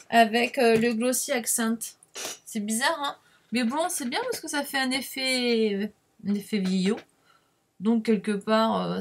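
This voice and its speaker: A middle-aged woman with a French accent chatting casually through a crafting tutorial, jokey and self-deprecating, dropping "hein" and fillers as she works. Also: fairly high pitch. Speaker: craft video host. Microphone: webcam mic at the desk.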